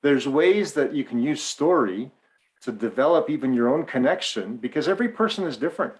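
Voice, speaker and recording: A middle-aged man from Western Canada, with a faint Canadian accent and a mid-range voice, speaks briskly as a co-host on a casual podcast. He tells stories in an animated way and acts out the dialogue, though the audio is poor.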